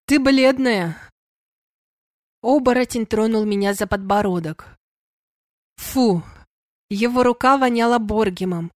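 A woman narrating a first-person audiobook in an intimate, expressive reading on a close mic. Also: mid-range voice, a little slow, no room sound.

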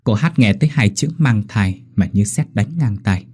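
A male storyteller, narrating a script with animated, expressive delivery. His voice is low and mellow, with a husky texture and lively pitch. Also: moderate pace.

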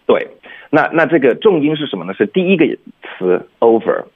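A man's voice: medium pitch, very animated, a little fast, husky. A man teaching English pronunciation on a radio lesson, explaining patiently step by step and often checking in with "OK?", heard over a phone line.

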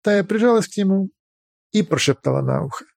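A man reading fiction as an audiobook narrator, in a dramatic, expressive storytelling manner. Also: high-pitched, fairly quick, vocal fry, no room sound, clean studio sound.

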